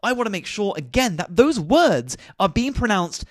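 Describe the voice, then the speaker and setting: A man talks through a screen-recorded tutorial, giving click-by-click instructions in a high voice. His pitch jumps around with lively movement. The sound is dry and close, with no room echo. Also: moderate pace. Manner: step-by-step, instructive, repeats click directions. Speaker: tutorial host.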